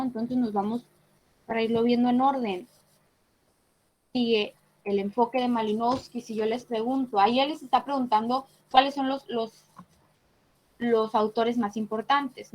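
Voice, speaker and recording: A woman's voice: a little high, poor audio. A woman teaching an online class, explaining patiently and checking in with short tag questions. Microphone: computer mic on a video call.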